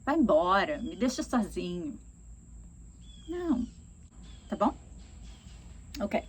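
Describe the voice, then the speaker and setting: A woman teaching English, explaining phrases and acting out examples, repeating each phrase slowly. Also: mid-range voice, big pitch swings, husky. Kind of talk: explaining lesson.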